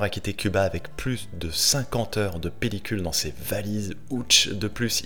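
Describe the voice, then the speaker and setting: Deep-voiced French radio host. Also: male voice. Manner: relaxed and slangy, playful asides. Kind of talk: casual radio presenting.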